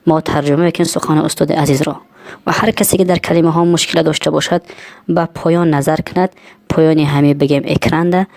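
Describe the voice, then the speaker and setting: A woman with a Tajik accent hosting a language lesson, saying words slowly and then explaining what they mean. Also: low voice, vocal fry, a little mellow. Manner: repeats words slowly, then glosses them. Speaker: lesson host and translator.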